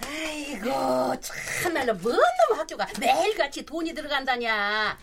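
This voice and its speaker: Actress doing a nagging country mom in a radio drama, high voice that swings all over, fussing and sighing over her kids, with steady hiss behind her. she scolds and clucks without a break. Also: normal speed, gravelly, heavily acted. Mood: scolding. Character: nagging rural mother, loud and fussing.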